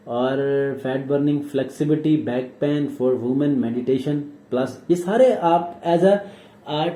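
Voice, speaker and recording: A man's voice: a little high, mellow. Man explaining a tutorial in an echoey room. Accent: Pakistani Urdu. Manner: explanatory, repeats "theek hai" checks. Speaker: tutorial instructor. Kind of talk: screen-recorded software tutorial.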